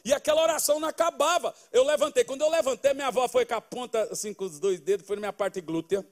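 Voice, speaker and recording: A man, a pastor telling a funny testimony in a sermon, animated, with loud bursts of exclamation. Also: very high-pitched, quick pace. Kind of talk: humorous preaching testimony.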